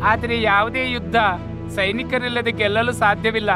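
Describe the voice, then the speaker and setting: A man's voice: very high-pitched, flat delivery, a little fast. A man voicing a brave, righteous young male lion heir in a cartoon, speaking firmly. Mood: proud. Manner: firm, declaiming. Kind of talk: cartoon voice acting. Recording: music under the voice.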